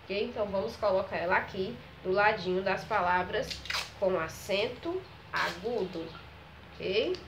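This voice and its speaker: A woman's voice: medium pitch, expressive, slight background noise. Woman teaching young children. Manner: slow, stretches out example words and checks in with the class. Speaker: primary school teacher. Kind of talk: classroom lesson to children.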